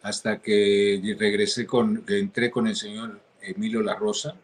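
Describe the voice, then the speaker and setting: Guy being interviewed, kinda low voice, stops and restarts a lot. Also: flat delivery. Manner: hesitant, halting, with many restarts. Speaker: interview guest.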